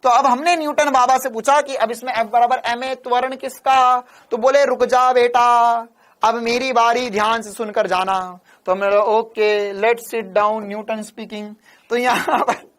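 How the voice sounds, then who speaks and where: A man with a very high voice gives a physics lecture. He turns the lesson into playful stories. He keeps repeating terms and asking the class to say them back. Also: fairly bright tone. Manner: repeats key terms and quizzes listeners; playful storytelling. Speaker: physics teacher.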